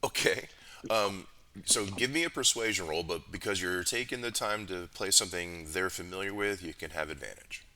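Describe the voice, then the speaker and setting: Deep-voiced man running a game. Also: moderate pace. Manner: relaxed, joking, full of restarts. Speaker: game master.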